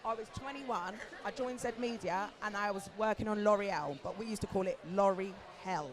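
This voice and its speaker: On an outdoor festival stage, with the crowd audible behind the live recording, a chatty British woman in her forties who founded an agency talks candidly and swears casually. Her voice is mid-range and animated at a normal speed, but hoarse, as though she's lost it from talking.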